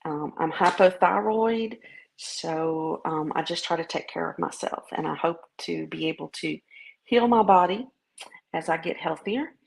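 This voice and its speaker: A gravelly, lowish voice belongs to this Southern woman vlogger from the southern US, whose accent is distinctly Southern American. She rambles in a folksy, halting way through a casual video diary, and the recording quality is low.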